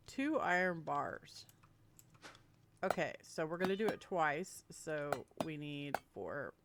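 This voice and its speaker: Slow and low-pitched, her fairly bright voice carries lively intonation, with a little hiss or hum in the recording. A let's-play creator, she chats casually with viewers while gaming, stuffed up from a cold and occasionally giggling.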